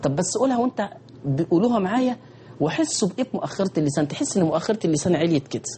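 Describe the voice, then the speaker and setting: A man with an Egyptian accent teaching a tajweed lesson, repeating phrases for emphasis and slowly chanting short verses to show how sounds are made. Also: high voice, animated, dark tone, slight background noise. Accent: Egyptian Arabic. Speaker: Quran recitation teacher.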